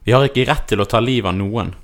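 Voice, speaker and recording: A man voicing insistent, accusing priests in a dramatic scripture reading, speaking forcefully. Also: on the low side, natural voice.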